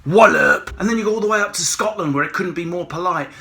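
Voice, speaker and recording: A man from Essex with an Essex accent, a comedian on an escalating rant, excitable, sweary and mocking, breaking into put-on voices. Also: high voice, fast talker, creaky. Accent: Essex English. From Essex, England. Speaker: stand-up comedian, host.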